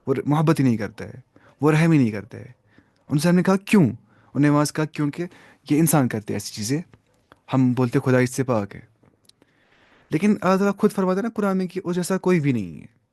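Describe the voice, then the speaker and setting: A man's voice: fairly high pitch, darkish tone, dry recording, clean studio sound. A man teaching a religious lesson in a classroom, explaining step by step, quoting Arabic and mixing in English terms.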